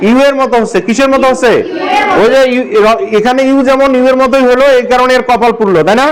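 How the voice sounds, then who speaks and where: A man's voice: very high voice, fairly even intonation, quick pace, some chatter behind, low-quality recording. A male English teacher from Bangladesh giving a classroom grammar lesson, asking the class the same question again and again. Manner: drills the class with repeated questions.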